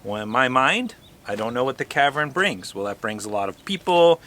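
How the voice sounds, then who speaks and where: A man's voice: mid-range voice, big pitch swings, moderate pace, sharp tone. A man hosting an RV travel vlog, chatting casually and unscripted, explaining himself with rhetorical questions.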